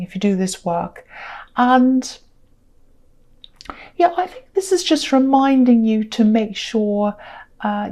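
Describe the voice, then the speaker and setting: A woman giving a casual tarot reading to camera, unhurried and repetitive with many ums, tired and speaking through a sore throat. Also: medium pitch, dark tone. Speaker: tarot reader.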